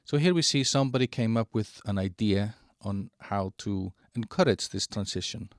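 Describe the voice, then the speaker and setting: Low, dry-sounding man presenting a platform. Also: no room sound. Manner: halting, many fillers and restarts. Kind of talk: screen-share product walkthrough.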